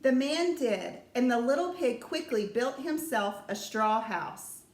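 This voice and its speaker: A woman reading a children's story aloud in a slow, even storytelling manner. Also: fairly high pitch, echoey room.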